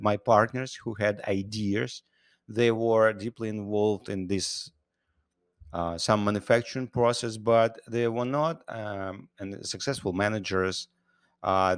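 A man from Russia who speaks. He answers interview questions in halting English, with many restarts. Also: lowish voice, dry recording, studio quality. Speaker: guest, business founder.

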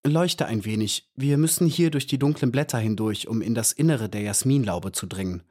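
A man's voice: mid-range voice, moderate pace, dark tone, lightly acted. Man doing a kind flower elf, storybook, earnest, patient, slightly lifted voice. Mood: gentle. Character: gentle, serious male flower elf.

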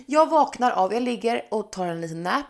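A woman's voice: fairly high pitch, creaky. A young woman co-hosting a podcast, telling a story animatedly and laughing often. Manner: animated, laughing, acts out shouts. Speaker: podcast co-host. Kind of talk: casual chat, storytelling.

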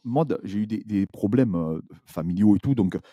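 Husky, lively man telling stories. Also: lowish voice, normal speed, dry recording. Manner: animated storytelling with many restarts. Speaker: guest YouTuber. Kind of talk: casual podcast chat.

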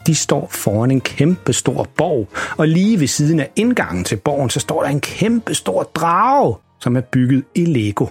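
A man narrating a children's story in a lively, expressive reading voice. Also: fairly high pitch, few pauses, slightly rough. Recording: music bed behind.

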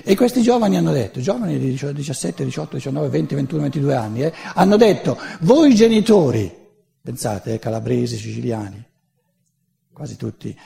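Older man, lecturer: gravelly, dark voice, lively pitch, rambling delivery with restarts. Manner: animated, digressive, frequent restarts. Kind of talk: public lecture.

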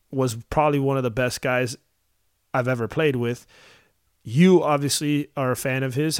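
A man's voice: mid-range voice, clean tone, no room sound, studio quality. A man co-hosting an interview show, a former catcher, chatting in a conversational, storytelling way. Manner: conversational, storytelling with many "obviously" and "you know". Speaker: co-host, former baseball catcher. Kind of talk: casual interview chat.

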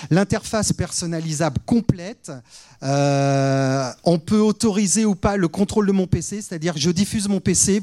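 A man presenting at a conference, his voice sitting slightly high for a man. He runs through long lists of features quickly, filling gaps with hesitant "euh" sounds. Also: a little mellow. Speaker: product presenter.

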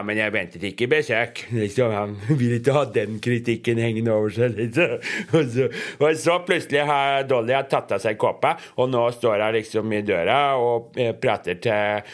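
Young man, podcast host, casual comic read-aloud, rambling, hesitant, mid-pitched voice. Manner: rambling and hesitant, describing panels as he goes.

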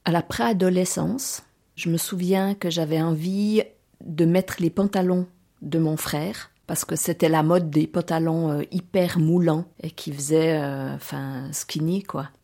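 A woman's voice: deep voice, steady tone, warm tone. A woman, hesitantly recounting her personal story in an interview. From Lausanne region, Switzerland. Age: 40s. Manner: hesitant, reflective, many pauses and fillers.

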